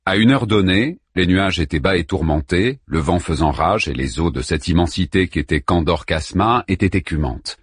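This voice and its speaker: A man narrating an audiobook with expressive, vivid storytelling. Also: deep voice, normal speed, few pauses, breathy edge, no room sound, clean studio sound.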